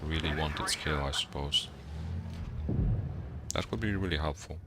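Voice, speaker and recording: A young Polish man, a university student whose native language is Polish, speaks with a Polish accent and an extremely low pitch at a measured pace. As a gaming streamer, he chats casually with viewers, greeting them and thinking aloud while hunting for words. Heavy background noise and game music fill the clip.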